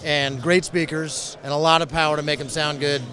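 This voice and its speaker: A man in his forties with a slightly high voice hosts a casual interview. He is friendly and informal, speaking into a handheld mic at an indoor trade show booth. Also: little pitch movement, moderate pace, crowd noise. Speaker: video host and interviewer. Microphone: handheld interview microphone.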